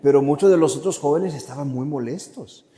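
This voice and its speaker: Friar type, man with a slightly high voice, telling his story slowly in a big echoing church, voicing the people in it. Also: dark tone. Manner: vivid storyteller who acts out quotes and slips into English phrases. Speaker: Augustinian friar giving a parish talk. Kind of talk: storytelling testimony. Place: parish church. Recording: long church reverb.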